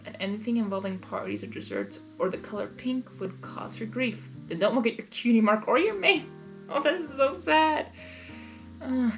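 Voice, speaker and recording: Through poor audio, a medium-pitched woman gives an expressive read-aloud of a fan fiction story, dropping in casual, reactive comments along the way.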